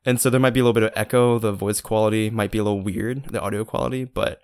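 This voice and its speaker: A man's voice: fairly low pitch, steady tone, rapid-fire, darkish tone, clear, resonant tone, no echo, clean studio sound. A man co-hosting a podcast in casual, jokey chat, often correcting himself as he goes. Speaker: podcast co-host. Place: spare, near-empty bedroom in a beach house. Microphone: podcast microphone with pillows in front.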